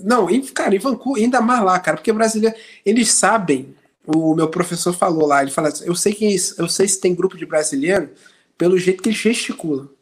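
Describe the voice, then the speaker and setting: Animated man from Rio telling stories. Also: fast, breathy edge. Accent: Rio de Janeiro Portuguese. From Brazil. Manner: animated storyteller, acts out quotes in high voice. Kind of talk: casual chat.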